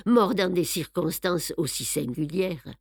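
A woman narrating a novel in the first person with a measured, even storytelling manner. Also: on the low side, breathy edge, dry recording, studio quality. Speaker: audiobook narrator.

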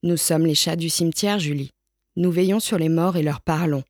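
A calm, wise old tomcat who watches over the dead speaks in a soft, patient, reassuring way, put on by a woman reading the storybook. His voice sits fairly low and the sound is close and dry. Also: moderate pace, dry recording. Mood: gentle. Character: wise old male graveyard cat, gentle and calm.

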